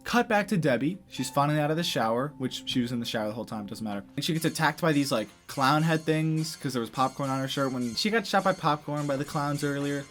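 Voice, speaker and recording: A man giving a casual, comedic movie recap in an incredulous, animated way, with slangy, sweary speech. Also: on the high side, fast talker, few pauses, soft background music. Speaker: movie reviewer.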